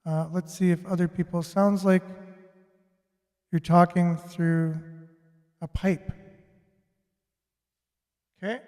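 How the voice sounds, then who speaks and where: A man's voice: high-pitched, level tone, slow, long pauses, a little mellow. Man talking through an echoey pipe. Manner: chatty, greets viewers by name. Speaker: livestream show host. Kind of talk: casual livestream chat. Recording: echoing mic with long reverb.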